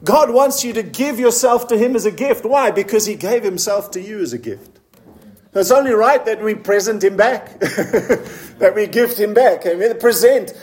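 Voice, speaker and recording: A man preaching a sermon in a notably high voice. He puts questions to his listeners and laughs lightly now and then. When he reads scripture, his voice turns low and slow. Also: lively intonation, darkish tone. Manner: slows down to read scripture in a low, solemn voice.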